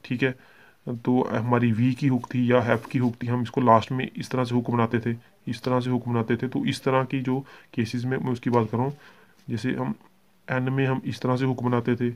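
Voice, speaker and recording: A man's voice: mid-range voice, moderate pace. A man with a Hindi accent teaching a shorthand lesson, explaining steadily, checking in often and correcting himself, mixing English terms into his Hindi. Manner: steady explaining, frequent "ठीक है" check-ins and self-corrections. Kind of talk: classroom lesson explaining strokes.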